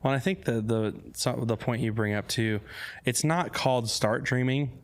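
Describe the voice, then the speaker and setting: A man's voice: medium pitch, moderate pace, smooth. A man speaking as a podcast guest, a filmmaker and author, explaining his ideas steadily. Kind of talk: casual interview chat.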